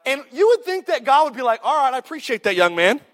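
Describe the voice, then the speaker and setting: High-voiced joking preacher man. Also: big pitch swings, quick pace, a bit bright. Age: 30s. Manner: joking, punchy preaching with call-outs to the crowd. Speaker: pastor. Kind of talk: sermon.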